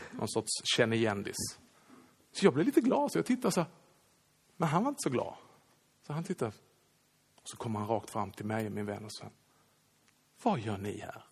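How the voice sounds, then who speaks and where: A man, a Swedish pastor, telling a lively anecdote in a sermon and acting out the quoted lines. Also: on the low side, vocal fry, slightly rough. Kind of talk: sermon storytelling.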